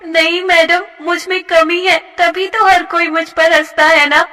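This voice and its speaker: A woman voicing a timid, bullied schoolgirl in a high, pleading childlike voice, in a cartoon story. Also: flat delivery, measured pace, bright, forceful tone, long reverb tail, distant mic, exaggerated voice. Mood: upset.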